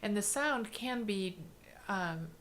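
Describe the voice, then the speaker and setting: Slow-talking woman guest, faint noise. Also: mid-range voice, expressive, fairly bright tone. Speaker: guest voice artist. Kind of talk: casual chat.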